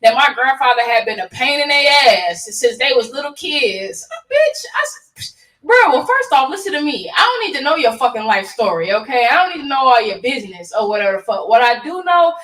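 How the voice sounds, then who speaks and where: A woman with a fairly high voice hosts a loose talk radio show, spinning stories full of cursing and slang. She sits a little back from the mic, so she sounds slightly distant. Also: brisk, hardly any pauses. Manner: profane, animated storytelling with slang. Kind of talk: casual talk radio chat. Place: radio studio.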